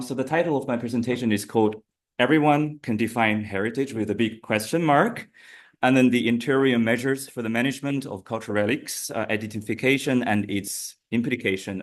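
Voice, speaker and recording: A man from China with a Chinese accent giving an academic conference talk. He speaks carefully and hesitantly, often restarting his phrases. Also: fairly low pitch. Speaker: conference presenter. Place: conference hall.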